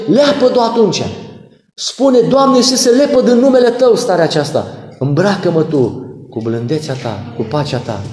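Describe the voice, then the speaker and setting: Middle-aged male preacher, earnest and pleading, high voice, echoey church recording. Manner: earnest pleading, swinging from loud cries to soft murmurs. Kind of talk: sermon.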